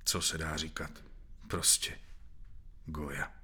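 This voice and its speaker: A man voicing a shaken young man who speaks quietly and haltingly in a storybook reading. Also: a bass voice, level tone, slightly rough, voice pushed down, heavily acted. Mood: numb.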